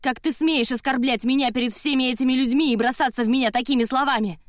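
A woman's voice: sits high, fairly even intonation, quick pace, no room sound, studio quality, voice pushed up, natural voice. A woman reading an audiobook in the first person, voicing a heated, defiant young woman who raises her voice in confrontation. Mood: furious. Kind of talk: audiobook character voice.

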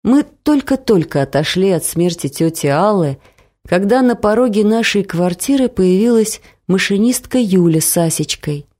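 A woman narrating a first-person audiobook story with expressive storytelling. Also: medium pitch, normal speed.

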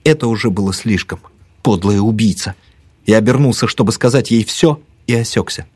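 A man narrating a first-person mystery story in a tense, measured way. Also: fairly low pitch, a little mellow, breathy edge, no room sound. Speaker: audiobook narrator.

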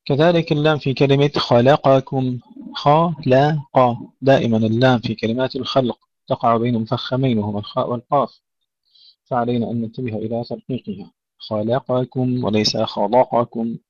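A man teaching a tajweed lesson, reciting words slowly to demonstrate and correcting common mistakes. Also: mid-range voice, steady tone, a little mellow, dry recording. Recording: dry, dull lo-fi audio.

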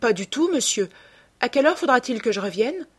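A timid, polite manservant from a storybook, as a woman reader puts him on, pitched well above the narration. He speaks in a soft, breathy voice, always eager to please. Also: sing-song, a little fast. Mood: deferential. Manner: deferential and polite. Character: timid older male servant, polite. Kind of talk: audiobook character reading.

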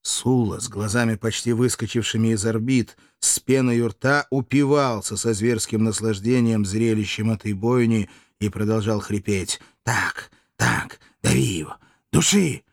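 A man narrating a historical novel as an audiobook in a steady, even manner. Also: on the low side, normal speed, few pauses, no echo, clean studio sound.

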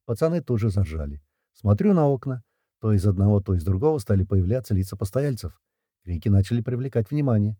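A man narrating a first-person story in a lively, wry, slangy way. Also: lowish voice, brisk, no echo, clean studio sound. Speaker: audiobook narrator.

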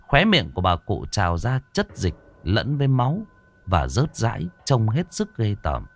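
A man narrating a horror story in a dramatic, expressive way. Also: lowish voice, normal speed.

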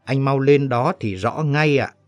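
A man's voice: medium pitch, a little slow, no echo, soft background music, close to an everyday voice. A man reading a story, voicing an urgent, curt young woman who rows a boat. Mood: urging. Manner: snapping, urging.

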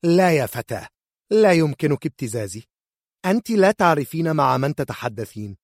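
A man voicing a furious, proud noble mother who shouts in outrage, with a shrill, loud voice. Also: big pitch swings, fairly quick, no room sound, clean studio sound.

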